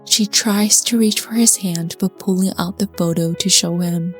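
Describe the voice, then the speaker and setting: A woman narrating a scripted folk story in a soft, hushed voice that sometimes drops to a whisper. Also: lowish voice, steady tone, soft background music. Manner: soft, slow and hushed, slipping into whispers at tense moments.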